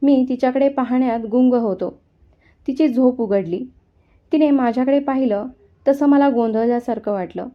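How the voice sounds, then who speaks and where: Woman storyteller, slightly high, dull sound. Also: normal speed. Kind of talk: first-person story narration.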